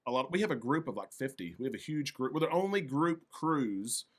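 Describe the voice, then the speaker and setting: A man with a medium-pitched voice hosts a casual interview. He is agreeable and chatty, often repeating short affirmations. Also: lively intonation, brisk. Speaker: interview host.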